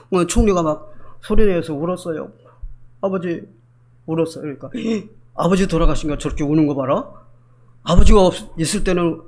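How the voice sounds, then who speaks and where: High-voiced man preaching emphatically. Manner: emphatic preaching, voicing biblical figures in quotes. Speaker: pastor. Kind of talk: sermon. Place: church.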